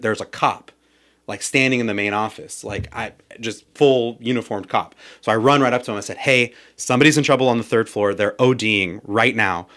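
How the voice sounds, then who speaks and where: A young man on a podcast, telling a personal story in casual chat, with plenty of swearing and acted-out quotes. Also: medium pitch. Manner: animated, swears a lot, acts out quoted yelling. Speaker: podcast guest.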